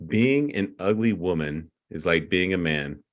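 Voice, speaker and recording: A man's voice: deep voice, animated, measured pace. A man co-hosting a podcast, telling jokes in casual banter with rambling, conversational set-ups. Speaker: podcast co-host.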